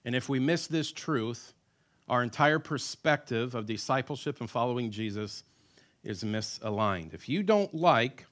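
A man's voice: mid-range voice, lively intonation, a little slow, fairly bright tone. A man delivers a Sunday sermon from the pulpit. He preaches in a folksy, humorous way and calls on the congregation to answer him. His voice is picked up on a mic in a church sanctuary. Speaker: pastor.

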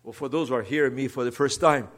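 This Brazilian man has a mid-range voice, a quick pace and a Brazilian Portuguese accent. A seminary teacher preaching as a guest, he delivers an earnest sermon that alternates soft asides with emphatic rises.

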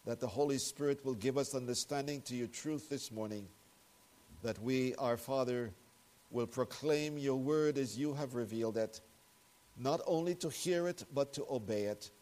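A man leading a prayer and preaching a sermon at a pulpit microphone in a church, speaking in a measured, earnest way with solemn emphasis. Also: medium pitch, darkish tone. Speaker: pastor. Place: church sanctuary.

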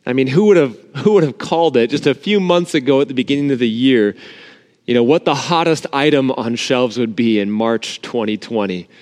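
A man's voice: medium pitch, fairly quick, a little mellow. A man preaching an informal, earnest sermon to an empty church sanctuary, his voice carrying the cathedral-like echo of the room. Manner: informal, earnest, talks directly to the congregation. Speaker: pastor. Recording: long reverb of an empty sanctuary.

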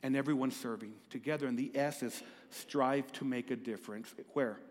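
A man's voice: medium pitch, steady tone, normal speed, in a large hall. A man preaching a sermon to his congregation in church, often repeating words and putting questions to the listeners. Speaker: pastor. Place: church hall.

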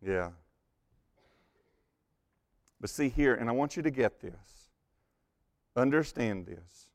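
In an animated sermon, a pastor tells stories at a medium pitch and a slightly slow pace. He frequently repeats words at the start of phrases and sinks into a hushed, intense tone to stress points.

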